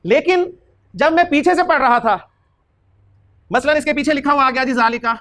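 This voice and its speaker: A man teaching Arabic grammar in a classroom lecture, quizzing his students and slowly repeating key terms. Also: extremely high pitch, a bit bright. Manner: questions students and drills answers back.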